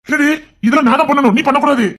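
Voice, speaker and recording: ஒரு பெண், பயந்து கெஞ்சும் ஓர் இளம் மணமகனாக நகைச்சுவை வெப் சீரிஸில் நடிக்கிறார். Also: female voice, high-pitched, fairly even intonation, rapid-fire, close to an everyday voice. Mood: sheepish. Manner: whiny, fearful pleading. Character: timid young male groom, panicky. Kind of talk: comedy web-series acting.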